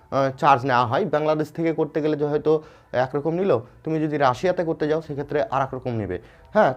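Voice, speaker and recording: Man, West Bengal Bengali accent, teacher, fairly high voice, casual explaining, checks in often. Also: a little mellow. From West Bengal, India. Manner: informal, repeats "ঠিক আছে?" to check understanding, frequent fillers and restarts. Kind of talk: explainer lesson addressed to students.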